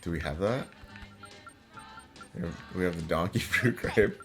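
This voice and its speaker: A young man talks casually while he plays a game, laid-back and amused. His fairly low voice moves slowly, with game music underneath. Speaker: let's play player. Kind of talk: casual gaming banter. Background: video game music.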